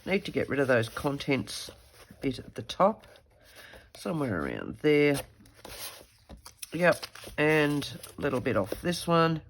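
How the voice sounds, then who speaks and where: Working through a craft project with a stuffy head cold, a female craft video host chats casually and talks to herself. Her deep voice is very animated yet unhurried, with long pauses and slight background noise.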